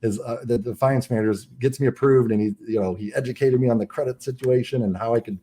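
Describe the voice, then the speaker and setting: Man, podcast guest, rapid earnest storytelling, dark mellow voice, stumbles and restarts. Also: mid-range voice, steady tone, slightly rough. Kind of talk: casual storytelling.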